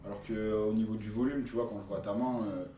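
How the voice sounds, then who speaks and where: Over a noisy crowd in a roomy space, a man from Montreuil who tattoos for a living rambles through a relaxed podcast chat. He talks quickly in a lowish, fairly even voice, constantly throwing in "tu vois" to check on the listener.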